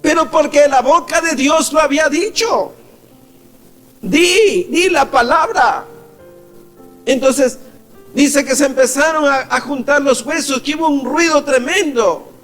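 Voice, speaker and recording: A man's voice: very high-pitched, fairly even intonation, moderate pace, a bit bright, faint music behind. A man preaching a sermon as a pastor, calling his listeners "beloved" and acting out quoted voices. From Ecuador. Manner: preaching, calls the congregation "amados", acts out quoted voices.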